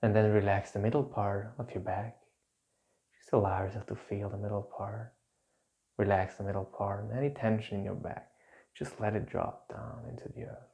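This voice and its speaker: A man guiding a calm grounding exercise as an instructor, giving gentle, soothing, repetitive instructions with pauses. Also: fairly low pitch, gravelly. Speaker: instructor leading a guided relaxation exercise.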